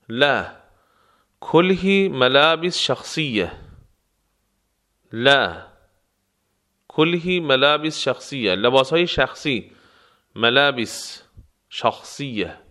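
Man teaching a language, bright clear voice, explains words, repeats phrases slowly. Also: medium pitch. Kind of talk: phrase lesson with slow repetitions.

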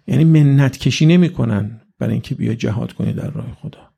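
A man's voice: medium pitch, gravelly, warm tone, breathy edge. A man giving a conversational religious lecture, full of rhetorical questions put to his listeners. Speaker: cleric.

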